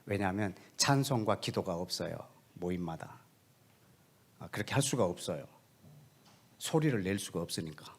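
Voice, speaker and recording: Male missionary preacher telling a story in a sermon, animated, asks the crowd stuff, goes soft and hushed a lot. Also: low voice, normal speed, pauses often, slightly rough. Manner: animated storytelling, acting out dialogue, often dropping to a soft hushed tone; addresses the congregation directly with questions.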